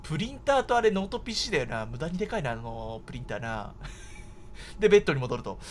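A man giving excited horror game commentary, exclaiming in a startled way and often repeating his words. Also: mid-range voice, fast, slight background noise. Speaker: gameplay commentator.

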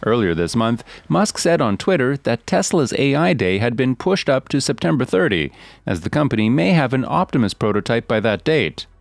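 A man reading scripted news narration in a steady read-aloud delivery. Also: mid-range voice, normal speed, gravelly, no room sound, studio quality.

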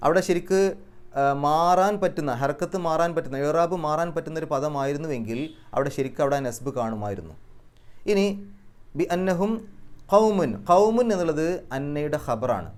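A man teaching Quran recitation rules and Arabic grammar, explaining patiently step by step and chanting verses slowly, with a Malayali accent. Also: a little high, animated, clear, resonant tone.

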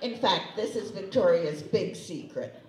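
A woman's voice: lowish voice, lively intonation, a little slow, noisy background. A woman telling dry, self-deprecating stand-up jokes on a club stage. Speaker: stand-up comedian. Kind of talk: stand-up routine. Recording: echoey club, distant mic.

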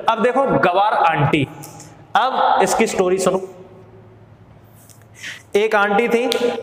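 A man's voice: high-pitched, a bit bright. A young Indian man teaching spelling tricks in a casual spoken lesson, often asking his own questions and then answering them. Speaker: exam coaching teacher. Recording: echoey room with long reverb.

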